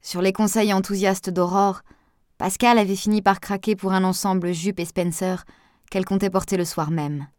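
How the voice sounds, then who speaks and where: A woman reading a novel aloud in steady, measured audiobook narration. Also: mid-range voice, no room sound, clean studio sound. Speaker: audiobook reader.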